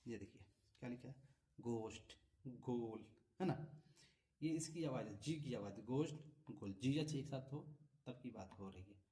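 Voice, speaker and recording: Hindi-speaking man teaching vowel sounds, dark-toned. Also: medium pitch, expressive, normal speed, long pauses. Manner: patient, repeats examples, frequent tag questions. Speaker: English pronunciation teacher. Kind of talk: classroom-style explanation. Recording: voice from a distance off the mic.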